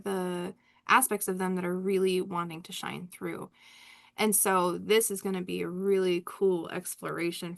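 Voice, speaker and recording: A woman's voice: medium pitch, vocal fry. Chatty laughing woman giving a reading. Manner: rambling and candid, laughs often. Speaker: spiritual reader hosting a live session. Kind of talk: casual live reading chat.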